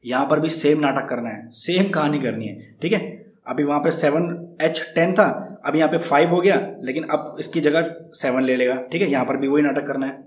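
A man's voice: on the high side, moderate pace. A man giving a casual guitar lesson, friendly and patient, counting strums aloud and checking in with his viewers after nearly every step. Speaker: guitar teacher. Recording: roomy, guitar playing along.

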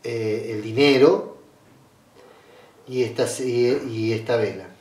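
A man's voice: medium pitch, steady tone, a little mellow. Hesitant Argentine man, roomy distant sound. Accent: Argentine Spanish. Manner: unhurried, hesitant, with frequent "eh" fillers and restarts. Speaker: spiritual ritual guide. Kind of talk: step-by-step ritual tutorial. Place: small indoor room at a red-draped altar table.

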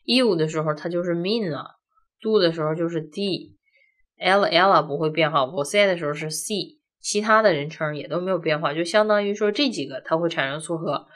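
A woman's voice: on the low side, moderate pace, fairly bright tone. Woman explaining grammar step by step. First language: Chinese. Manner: explains step by step with frequent rhetorical questions. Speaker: language teacher. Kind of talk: classroom-style grammar lesson.

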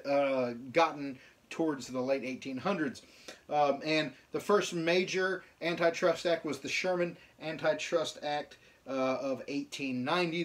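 A young man with a drawl teaching a relaxed lesson from his house. His voice sits a little high for a man, and he talks in a folksy, joking way, full of "uh" and "you know" as he restarts his sentences. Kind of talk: casual home video lesson. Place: at home.

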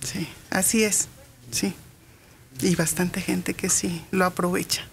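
Soft-spoken Mexican woman in her fifties. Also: on the low side, little pitch movement, slow, creaky, a little hiss or hum. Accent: Mexican Spanish. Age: 50s. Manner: soft-spoken, hesitant with many fillers. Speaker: radio studio guest. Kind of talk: casual radio interview. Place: radio studio.

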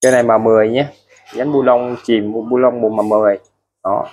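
A man's voice: mid-range voice, little pitch movement, brisk, a little mellow. A man showing used tools for sale in a casual way, chatty and repetitive, restating prices again and again. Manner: chatty, ends phrases with friendly particles. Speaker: used tool seller. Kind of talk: casual product showcase.

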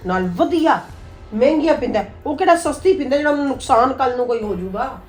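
A woman's voice: a little high, animated, brisk, a little mellow, lightly acted. An actress playing an older aunt who coaxes and scolds her niece. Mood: coaxing. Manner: coaxing, scolding. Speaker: actor. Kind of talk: family drama acting. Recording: echoey room with music underneath.

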